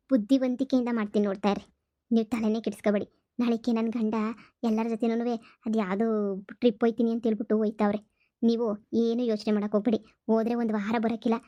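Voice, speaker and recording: A woman's voice: fairly high pitch, dark tone, dry recording, muffled recording, lightly acted. A woman voicing a resolute, scheming young daughter-in-law in a cartoon comedy. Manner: plotting, resolute.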